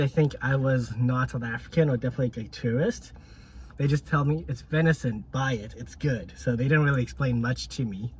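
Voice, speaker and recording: A man's voice: mid-range voice, slight background noise. Rambling man chatting mid-snack. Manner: rambling, full of "like" and filler words; talks while chewing. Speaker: podcast co-host. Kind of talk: casual chat while tasting food.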